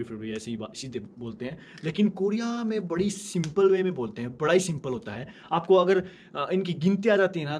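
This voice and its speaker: A man's voice: on the high side, darkish tone, a little hiss or hum. Man giving a casual language lesson. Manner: repeats words slowly for learners. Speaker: language teacher.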